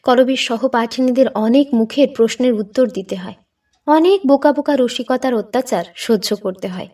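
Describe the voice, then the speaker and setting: A woman's voice: fairly high pitch, normal speed, warm tone, recorded from a distance. A woman narrating a short story as an audiobook, reading steadily and expressively.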